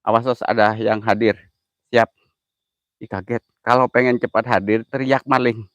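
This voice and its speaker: A man's voice: mid-range voice, steady tone, normal speed, fairly bright tone, dry recording, highs cut off. A man, hosting a ghost-hunting livestream outdoors at night, joking nervously and calling out viewers by name. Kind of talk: casual live commentary.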